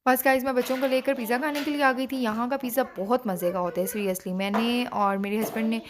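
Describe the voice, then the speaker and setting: Very noisy audio carries a fast-talking woman with a fairly high pitch and steady tone. This chatty Pakistani Urdu-accented vlogger, a mother in her thirties, talks to her kids in a casual home vlog, both scolding and coaxing them, at home and in a restaurant.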